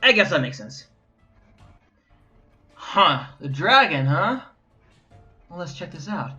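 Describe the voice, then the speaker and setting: A man's voice: on the high side, sharp tone, dull audio, exaggerated voice. A man playing a small, self-satisfied gnome artist who brags about his own painting. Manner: boastful and chummy. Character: smug little gnome painter selling his art.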